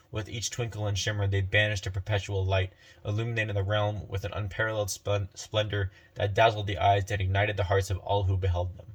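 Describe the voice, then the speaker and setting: Low-voiced man narrating a fantasy tale. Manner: unhurried reading with frequent self-corrections. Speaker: storyteller.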